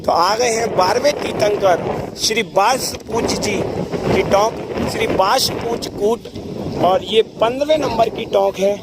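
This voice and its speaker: A man's voice: high voice, a little slow, heavy background noise. A man narrating a devotional pilgrimage vlog outdoors on a mountain trail, leading call-and-response chants. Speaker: pilgrimage vlogger. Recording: crowd of pilgrims around.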